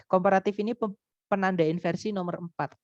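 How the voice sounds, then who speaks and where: A man's voice: sits high, steady tone, fast talker, darkish tone, no echo. A man teaching English grammar in a recorded online lesson, explaining patiently and repeating his points. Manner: patient, repeats points and says "teman-teman" often. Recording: dry, slightly dull recording.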